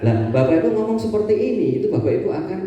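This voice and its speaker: Energetic man in an echoey hall. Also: high voice, very fast, distant mic, muffled recording. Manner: energetic, call-and-response, shouts counting cues. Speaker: ustaz giving a talk to parents. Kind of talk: lively interactive religious talk. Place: school hall.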